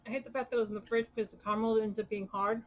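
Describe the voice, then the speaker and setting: A woman's voice: fairly high pitch, fairly even intonation, rapid-fire, poor audio. Young woman talking while chewing candy. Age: young adult. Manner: blunt and opinionated. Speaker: taste test vlogger. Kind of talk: casual taste test chat.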